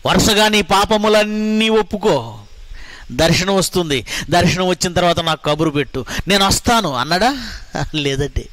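A man with a Telugu accent delivers a sermon in a high-pitched voice. He keeps hammering phrases through repetition and asks the listeners rhetorical questions. The recording is close and dry. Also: expressive, moderate pace, a bit bright, no echo. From India. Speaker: preacher.

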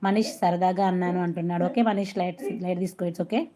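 Against crowd noise, a fairly low-pitched woman from Telangana talks fast in a flat delivery while hosting a casual live stream. She greets viewers by name in a Telangana Telugu accent, with English phrases mixed in.

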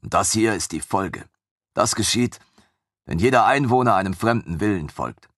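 A man narrates a fantasy audiobook in the first person with a low, husky voice. His reading is steady and even. The recording is close and dry with no room sound. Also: moderate pace, no echo.

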